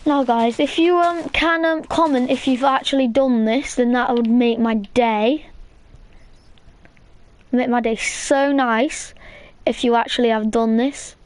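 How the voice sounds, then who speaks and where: A woman's voice: on the high side, steady tone, unhurried. A woman hosting a casual gameplay tutorial, chatty and rambling, with plenty of fillers. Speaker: gaming channel host.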